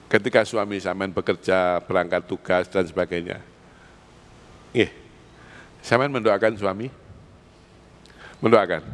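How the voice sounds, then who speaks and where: A man with an East Javanese accent preaching an Islamic sermon in a mosque, putting rhetorical questions to the congregation and pressing them for answers. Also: lowish voice. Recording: echoey mosque hall.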